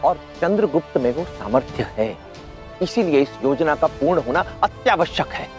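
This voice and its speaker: An actor playing a stern teacher and strategist who speaks in a grave, declamatory way in a historical drama. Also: male voice, fairly high pitch, big pitch swings, moderate pace. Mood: resolute. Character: stern scheming royal teacher, vow-driven man. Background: dramatic music.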